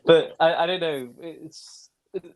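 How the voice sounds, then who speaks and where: A man from England with an English accent, chatting casually about reality TV and repeating words haltingly as he starts. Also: fairly high pitch, poor audio. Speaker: podcast panelist. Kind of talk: casual group chat recapping reality TV.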